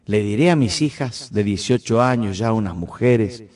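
A man's voice: on the low side, normal speed. A middle-aged man with an Argentine accent from San Juan, telling a story and then reflecting on it in an earnest, hesitant way, often restarting his sentences. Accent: Argentine Spanish, Cuyo (San Juan). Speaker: radio host. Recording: soft music underneath. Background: faint music.

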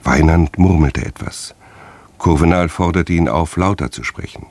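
Deep-voiced man narrating a radio story. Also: moderate pace, darkish tone, dry recording.

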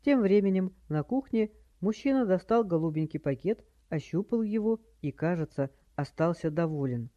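A narrator reading a story aloud in steady audiobook style. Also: mid-range voice, moderate pace, few pauses, no echo, dull audio.

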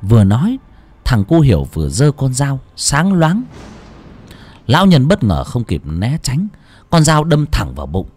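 Expressive, husky male story narrator. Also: medium pitch, a little slow. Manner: dramatic and expressive. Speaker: audiobook narrator. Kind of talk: scripted horror story narration.

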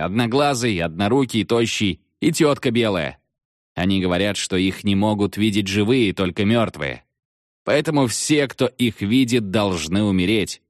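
A man voicing a seventh-grade schoolboy who shouts urgently down a payphone. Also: lowish voice, no echo, clean studio sound, close to an everyday voice. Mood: ominous. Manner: loud, urgent, hurried shouting. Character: excitable schoolboy on a payphone, about thirteen.

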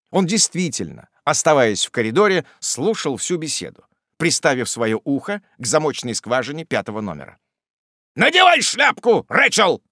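An audiobook reader with a mid-range voice narrates in a measured, expressive storytelling style. The recording is dry and studio quality.

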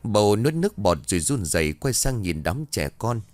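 A man narrating a ghost story dramatically, slowing for suspense. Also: on the low side, big pitch swings, no room sound.

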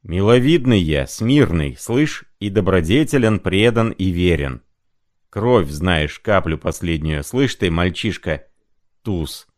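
Guy doing a sick muddled old clerk, rambling broken phrases, low and slow. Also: lively intonation. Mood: muddled, pleading. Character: feverish poor old clerk, muddled and pleading.

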